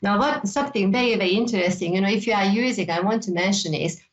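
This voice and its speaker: A Hungarian-accented woman, a native Hungarian speaker, hosts a psychic show and teaches casually, rambling loosely, repeating words and tossing in "you know." Her medium-pitched voice moves fast, and the sound is dull and lo-fi.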